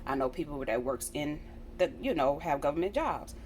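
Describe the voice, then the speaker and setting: A woman's voice: low-pitched, expressive, normal speed, darkish tone, slight background noise. An American woman vlogger talking casually and earnestly straight to her viewers, repeating phrases for emphasis. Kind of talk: casual direct-to-viewer chat.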